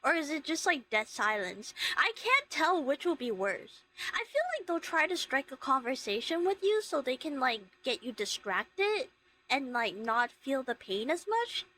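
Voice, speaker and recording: A woman hosting a livestream, chatting casually with viewers in a giggly, expressive, rambling way. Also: sits high, unhurried, low-quality recording. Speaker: livestream host, VTuber streamer. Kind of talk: casual chat with live viewers.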